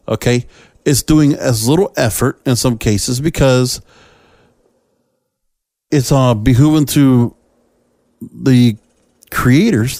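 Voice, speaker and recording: Opinionated and emphatic yet conversational, a solo podcast host speaks directly to his listeners. He has a mellow, medium-pitched voice, captured in studio quality without echo.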